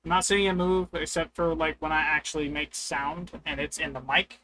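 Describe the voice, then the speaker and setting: Bright and forceful, this man's fairly high voice holds a steady tone at a moderate pace, though it comes out crackly and strained from the heat. He's live-streaming in a hot, humid room with two PCs, casually rambling to himself during play.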